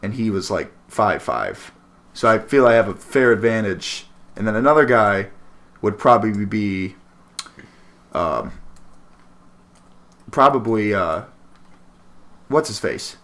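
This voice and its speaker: A man's voice: lowish voice, animated, slow, long pauses, a bit bright. A man co-hosting a podcast, chatting in a rambling, joking, crude way. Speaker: podcast co-host. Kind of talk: casual chat.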